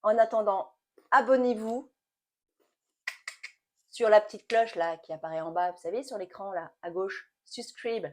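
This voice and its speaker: A woman in her late forties, chatting casually to camera as a beauty vlogger, animated and stop-start with repeated words. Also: mid-range voice, moderate pace, pauses often. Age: late 40s.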